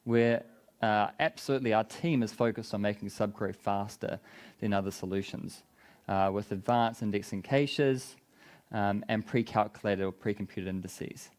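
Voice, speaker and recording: A man with a thick, broad New Zealand accent and a slightly low-pitched voice presents at a conference. He explains his product informally, as a speaker walking an audience through it. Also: moderate pace, darkish tone. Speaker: conference speaker, business development head.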